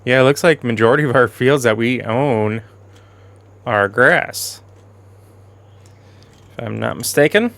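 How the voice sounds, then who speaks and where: A man giving casual, rambling commentary over a farming game while losing his voice, clearing his throat now and then, with soft music behind. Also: mid-range voice, a little slow, pauses often. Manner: rambling, self-correcting, chatty. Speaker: gaming channel host.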